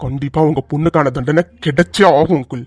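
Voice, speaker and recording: A man voicing a hot-tempered, fiercely loving young hero in a cartoon, rough-spoken and quick to tears. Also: a little high, dry recording, close to an everyday voice. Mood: stern. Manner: fiery, rough-spoken, breaks into sobs. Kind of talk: cartoon voice dubbing.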